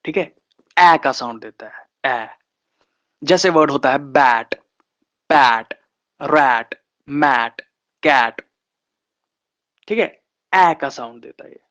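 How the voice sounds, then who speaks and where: Slow, patient man teaching a lesson. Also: mid-range voice, fairly bright tone. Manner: slow and drawn out, repeating sounds and example words. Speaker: shorthand teacher. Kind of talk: online lesson. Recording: slightly dull, lo-fi sound.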